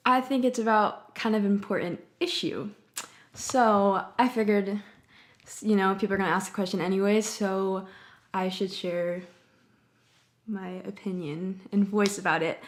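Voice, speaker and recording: A woman in her twenties chatting informally and candidly as a singer-songwriter vlogger, with plenty of casual slang. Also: medium pitch. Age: 20s. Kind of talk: casual personal chat.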